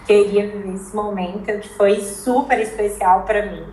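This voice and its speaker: A woman's voice: mid-range voice, fairly even intonation, moderate pace, darkish tone. A woman with a Brazilian Portuguese accent, speaking as an interview guest in a casual, conversational storytelling way. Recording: echoey room with faint background noise.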